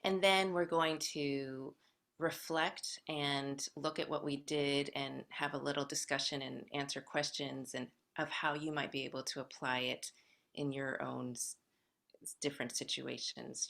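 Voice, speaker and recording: Female workshop lecturer, American accent, very unhurried delivery, clear-cut bright tone, addresses the group directly. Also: rumbling low, level tone. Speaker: guest lecturer in music education. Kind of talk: workshop presentation with gentle guidance.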